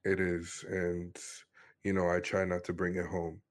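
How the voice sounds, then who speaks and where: Low, monotone young man telling his story. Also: unhurried. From Miami, Florida, USA. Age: 20s. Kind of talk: casual personal storytelling.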